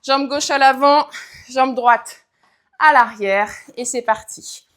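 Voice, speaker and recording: A woman's voice: high-pitched, slow, a bit bright. A woman leading a guided leg workout, counting reps and cueing form as she exercises. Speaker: fitness coach.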